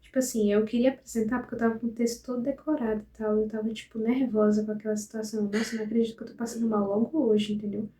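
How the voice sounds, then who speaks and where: A woman's voice: on the high side, racing, few pauses, roomy sound. A young Brazilian woman, a psychology student, chattily telling a story from her first semester in a casual vlog, acting out the dialogue as she goes. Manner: chatty, animated retelling with quoted dialogue and frequent tag questions.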